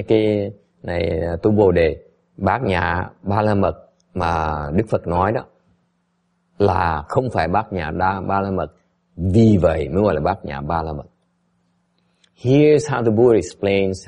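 Gravelly-voiced man teaching scripture. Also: sits low, a little mellow. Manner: switches between English and Vietnamese; emphatic, often asks "is it clear?". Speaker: Buddhist teacher. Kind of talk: dharma lecture with slides.

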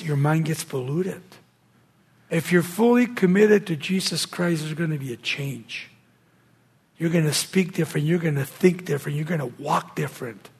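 A male preacher gives a sermon in a fairly high, husky voice. He is emphatic, pushing some phrases up and dropping others to a hush. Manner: emphatic, swinging between raised and hushed phrases.

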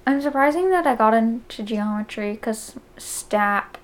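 A young woman with a fairly high voice talks slowly and teases her friends. She giggles a lot and has the hiccups, with faint noise behind her. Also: animated, low-quality recording. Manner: giggly, teasing. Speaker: podcast co-host. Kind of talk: casual chat.

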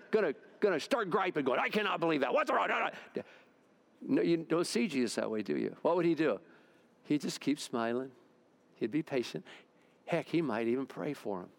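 A man preaching a sermon at a church service in a conversational way, acting out the voices he quotes. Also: on the high side. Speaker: pastor.

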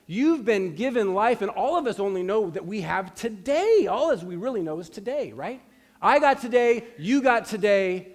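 A pastor in his forties delivers a sermon with a notably high voice. He speaks earnestly and with emphasis, often repeating a phrase to drive a point home. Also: sing-song, normal speed. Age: 40s.

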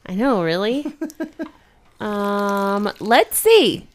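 A woman's voice: mid-range voice, lively intonation, very slow. Dry, teasing woman co-host. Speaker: co-host reading news. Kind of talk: casual chat.

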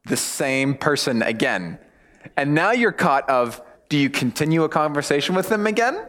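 A man's voice: on the high side, normal speed. New Zealand man preaching casually. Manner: informal, animated storytelling with acted-out asides. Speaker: pastor. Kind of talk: casual conversational sermon.

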